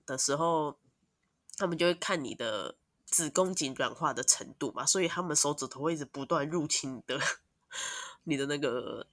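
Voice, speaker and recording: A woman, a mother of two, telling long, animated stories as a podcast guest. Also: extremely low pitch, no room sound, studio quality. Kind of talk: casual podcast chat.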